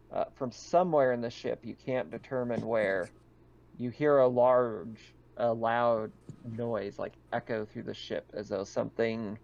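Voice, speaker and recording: Running a horror tabletop roleplaying session as game master, a man alternates between improvising scene narration and casually questioning the players. His voice is mid-range, gravelly and darkish, heard through dull, lo-fi online game audio.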